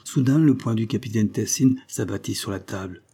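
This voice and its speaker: Low, dark, husky male narrator. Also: moderate pace. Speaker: audiobook narrator. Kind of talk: scripted narration.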